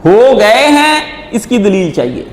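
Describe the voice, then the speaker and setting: An Islamic teacher answers religious questions in an emphatic, repetitive lecturing style, acting out the voices he quotes. His voice is high and sing-song, recorded in an echoey hall with faint noise.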